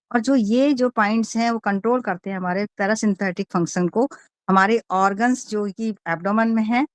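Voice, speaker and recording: A woman's voice: medium pitch, no echo. Give me a woman teacher reading and explaining course notes to students. Her voice sits in an ordinary middle range and sounds close and dry. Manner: explains in Hindi with English readouts, many fillers. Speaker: acupressure teacher. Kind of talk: online class lecture.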